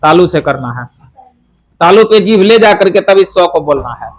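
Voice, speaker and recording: This is a high-pitched, expressive man teaching how to pronounce Sanskrit. He lays things out step by step, raises questions only to answer them himself, and slowly voices each sound so it can be heard clearly.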